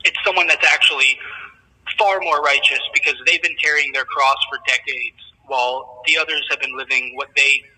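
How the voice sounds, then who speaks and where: A man's voice: mid-range voice, steady tone, moderate pace, pushed and bright, breathy edge, long reverb tail. A man calling in on a jail phone line, talking in a fervent, preaching monologue. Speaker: interview guest. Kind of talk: impassioned commentary. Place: jail cell block.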